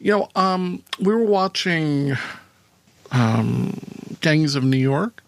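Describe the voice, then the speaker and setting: A man's voice: on the high side, expressive, slow, gravelly, dry recording. A man co-hosting a casual TV rewatch commentary, chatting in a joking, rambling way. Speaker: co-host of a TV rewatch show.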